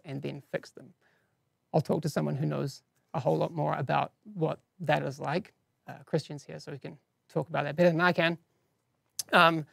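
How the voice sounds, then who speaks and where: A man's voice: fairly high pitch, creaky, no room sound, clean studio sound. A man with a non-standard English accent hosting a live game-news stream, giving casual updates with chatty, self-deprecating asides. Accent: non-standard English accent, teased by viewers.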